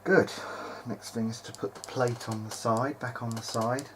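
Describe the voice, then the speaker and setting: Steady in tone and medium in pitch, a man speaks at normal speed against background noise. He's a vintage hi-fi hobbyist narrating his repair video, informally and hesitantly talking through the hands-on job as if in a video diary, half muttering to himself.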